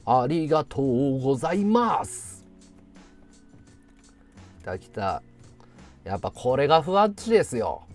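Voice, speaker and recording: A man in his thirties hosting a casual livestream, thanking viewers in excitable, loud bursts. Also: medium pitch, unhurried, long pauses, soft background music. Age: 30s. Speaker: livestream host.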